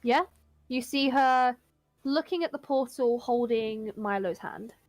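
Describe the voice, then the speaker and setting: A woman game master narrating a tabletop campaign, bright and higher-pitched, laughing between lines. Her voice is close and dry, with no room around it. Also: measured pace, no room sound. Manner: cheerful, laughs often.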